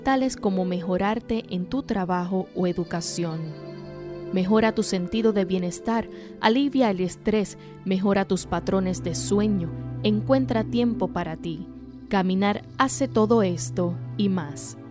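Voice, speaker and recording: A woman's voice: mid-range voice, measured pace. Woman reading a health tip over music. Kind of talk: scripted health segment.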